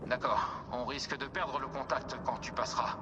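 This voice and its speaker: An actor playing a casual, wry tech teammate guiding an explorer by radio in a video game, explaining things naturally. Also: male voice, fairly even intonation, moderate pace, lightly acted. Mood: attentive, cautioning. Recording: loud music and engine rumble behind.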